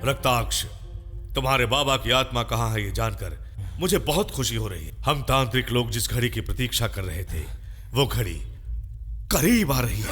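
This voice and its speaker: An actor voicing a commanding older male tantric guru who speaks deep and measured. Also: lightly acted. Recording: film dub with score. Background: film music.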